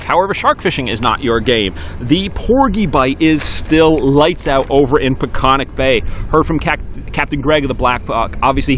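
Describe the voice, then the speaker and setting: A man in his forties delivers a weekly fishing report straight to a handheld camera on a harbor dock. His voice sits a bit high and his delivery is brisk and upbeat, with casual fillers. Faint outdoor noise runs underneath. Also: a bit bright.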